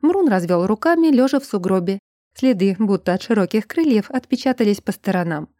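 A woman reading an audiobook in an even, measured narrating manner. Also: mid-range voice, no room sound, studio quality. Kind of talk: scripted narration.

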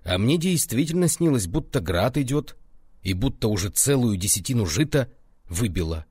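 A man voicing a hard-of-hearing old village constable, hoarse and gruff, shouting his words. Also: mid-range voice, sing-song, moderate pace, no room sound.

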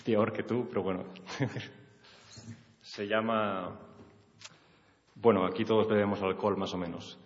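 A man from reads short literary texts aloud to a live audience in a hall, playfully raising his voice for the dialogue. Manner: reads playfully, voice rising high for acted dialogue. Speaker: reader at a literary reading. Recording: echoey hall, dull lo-fi sound.

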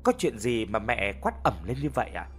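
A man's voice: on the low side, sing-song, fairly quick, a bit bright, faint music behind. Man doing a spoiled son begging forgiveness. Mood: pleading. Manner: pleading, begging. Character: young man, a spoiled son, pleading and guilty.

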